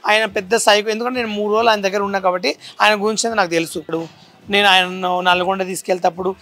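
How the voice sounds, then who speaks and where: A man in an interview, talking fast and emphatically, making accusations. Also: high voice, steady tone, bright, forceful tone. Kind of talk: heated interview.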